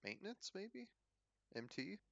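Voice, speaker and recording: A man playing in a tabletop game, asking questions in a gravelly voice. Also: sits high, sing-song, a little slow, fairly bright tone, no echo. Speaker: player. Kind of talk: casual game chat. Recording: dull, lo-fi mic.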